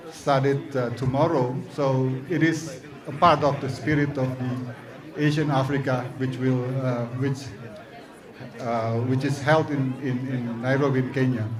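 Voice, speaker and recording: A man, an embassy representative speaking haltingly with many restarts in a festival interview. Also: medium pitch.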